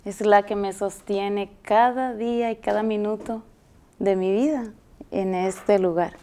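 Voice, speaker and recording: A woman's voice: medium pitch, a little slow, clean tone. A young woman, a guest on a TV interview, telling her experience earnestly and with animation. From Dominican Republic. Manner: earnest, animated storytelling with hesitations. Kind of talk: TV interview testimony. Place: TV studio set, indoors. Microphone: lapel mic.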